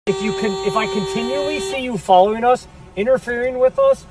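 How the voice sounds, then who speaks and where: A man's voice: very high voice, sing-song, brisk. A man, an agent in street footage, curtly warning onlookers not to interfere. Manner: curt, warning, dismissive. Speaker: federal agent. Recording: distant outdoor video with loud music.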